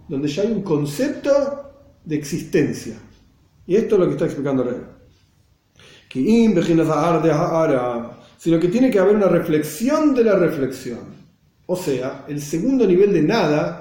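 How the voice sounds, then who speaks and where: A man's voice: high-pitched, dark tone, reverberant. Argentine man teaching a text class. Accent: Argentine Spanish. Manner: reads Hebrew phrases then explains them, checks on the students.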